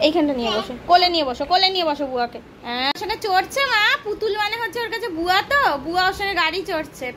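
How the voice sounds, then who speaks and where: Woman, young, Kolkata Bengali accent, very high soothing voice, casual home vlog, noisy recording. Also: very fast. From Kolkata, West Bengal, India. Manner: coaxing, soothing, repetitive talk to her baby. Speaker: vlogger and mother. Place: family home.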